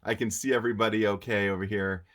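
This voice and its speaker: A man hosting a weekly live talk on healing, speaking with a congested, nasal voice from allergies in a relaxed, chatty way. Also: on the low side, fast. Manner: relaxed, chatty, with frequent fillers. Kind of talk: casual livestream talk.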